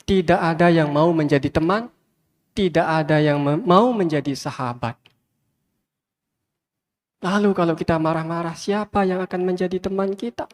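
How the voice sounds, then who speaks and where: Speaking at a moderate pace with frequent pauses, this Buddhist monk has a fairly high voice. His sermon leans on repeated, emphatic phrases aimed directly at his audience, echoing with long reverb through a large hall crowded with fans.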